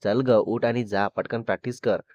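A calm, motherly middle-aged woman who comforts and gently chides, voiced by a man reading the story. The sound is dry, close and a little dull. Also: medium pitch, normal speed, no room sound, voice pushed down, close to an everyday voice. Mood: soothing. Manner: soothing, motherly scolding. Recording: slightly dull lo-fi recording.

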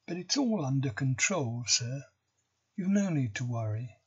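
A man voicing a bold schoolboy who stays calm when cornered, reading slowly from a storybook. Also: mid-range voice, husky, lo-fi sound. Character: schoolboy, bold and cool under pressure.

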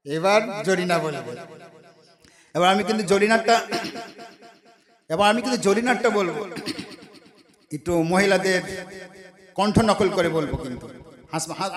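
A man preaching a humorous sermon, joking and teasing the audience between sung ghazal lines. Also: high-pitched.

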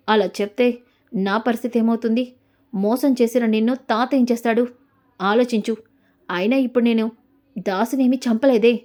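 Scheming young heiress, coolly defiant, slightly high and mellow; read by a woman. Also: close to an everyday voice.

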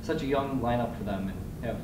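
A man asking questions at a press conference, halting and restarting his sentences. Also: mid-range voice, recorded from a distance. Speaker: reporter. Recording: echoey room, off-mic, noisy.

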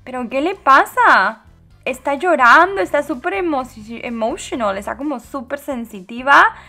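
Woman game host, bright high voice, dramatic exclamations, casual commentary. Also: moderate pace, faint music behind. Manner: animated, dramatic exclamations and giggles.

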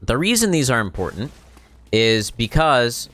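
A man in his thirties, a game streamer and tutorial host, offers casual gameplay tips and commentary in a medium-pitched, slightly bright, sing-song voice at a somewhat slow pace. He's recorded up close on a boom-arm microphone, with background noise clearly audible.

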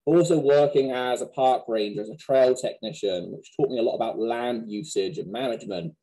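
A man in his thirties with a West Country Wiltshire accent softened by American, answering questions conversationally in an interview. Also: mid-range voice, brisk, low-quality recording. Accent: West Country Wiltshire English, softened by American. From Wiltshire, England. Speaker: museum director, interview guest. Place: small plain office, video call.

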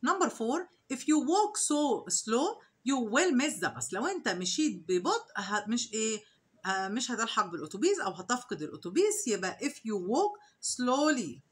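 A woman with an Egyptian Arabic accent, an English teacher, walking through exercise answers. She reads each English sentence slowly, then explains it in Arabic with questions to the students. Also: on the high side, big pitch swings. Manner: asks rhetorical questions to the students. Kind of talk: exam answer walkthrough lesson.

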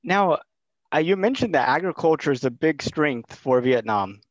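Wearing a headset in a small room, this host, a man in his thirties from Texas, runs a casual video call interview. His slightly high voice is animated and at a normal speed as he poses long, meandering, filler-heavy questions. The call audio is dull and lo-fi, without echo.

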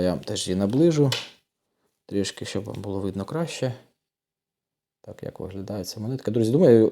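A man's voice: fairly low pitch, dark tone. A man hosting a coin collecting channel, talking casually through an unboxing, thinking aloud and often addressing viewers as friends.

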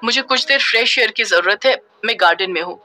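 A woman's voice: medium pitch, a little fast, bright, forceful tone, soft background music, lightly acted. A woman voicing a frightened young woman who can enter dreams, in a supernatural audio story. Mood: anxious. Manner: anxious, urgent.

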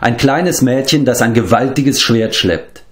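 A man's voice: mid-range voice, sing-song, normal speed, darkish tone, voice pushed up, close to an everyday voice. A man reading aloud and voicing a touchy young pig-keeper who grumbles and teases. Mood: grumbling. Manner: grumbling, sulky. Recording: roomy echo.

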